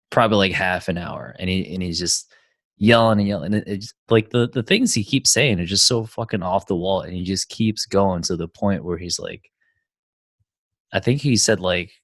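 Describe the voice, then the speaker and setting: A man's voice: deep voice, a bit bright, dry recording. A man co-hosting a podcast, telling a story in casual chat, rambling with lots of "like" and swearing. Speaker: podcast co-host.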